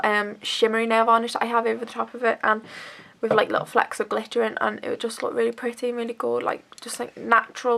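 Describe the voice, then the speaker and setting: A woman's voice: fairly high pitch, gravelly, sharp tone. A young woman chatting through a beauty haul, bunged up with a cold and rambling with lots of fillers. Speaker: beauty vlogger. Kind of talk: casual haul chat.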